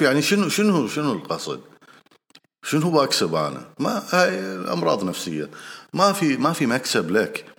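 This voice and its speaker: Here a man with a Gulf Arabic accent offers marriage advice, his voice lowish and a bit bright. Earnest and repetitive, he talks straight to the listener in a casual way, with frequent hesitations and filler pauses.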